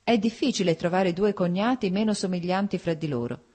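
A woman reading as a wry refined gentleman. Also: lowish voice, brisk, lightly acted. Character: witty refined older gentleman scholar.

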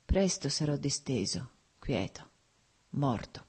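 Reader doing a dying guy, weak and bitter, slow hushed words, husky and dark, audiobook. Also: medium pitch, exaggerated voice. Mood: weary, hushed. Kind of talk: audiobook character voice.

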